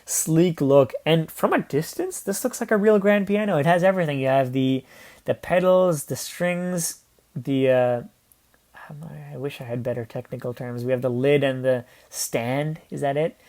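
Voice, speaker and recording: Casual male reviewer, higher-pitched, rambling and chatty with frequent filler words. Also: moderate pace, a little mellow. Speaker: YouTube host reviewing toy sets.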